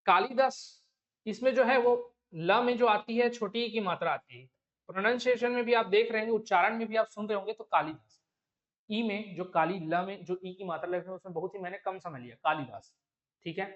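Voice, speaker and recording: Male exam-prep tutor, Chhattisgarhi Hindi accent, high-pitched, dull lo-fi sound. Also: fairly quick. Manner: explains step by step, asks rhetorical check questions. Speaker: teacher.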